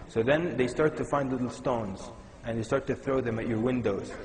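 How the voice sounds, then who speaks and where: A man's voice: mid-range voice, normal speed, a crowd in the background. A man from Sudan giving a conversational, humorous Islamic lecture to a live audience. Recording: echoey hall with long reverb.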